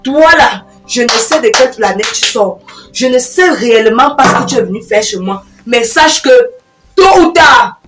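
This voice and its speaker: An exasperated married younger sister lecturing her freeloading brother, played by a woman. Her voice is high and emphatic as she scolds in a comedy sketch. It sounds roomy and distant, with faint music behind. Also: lively intonation, normal speed, fairly bright tone. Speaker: comic actress.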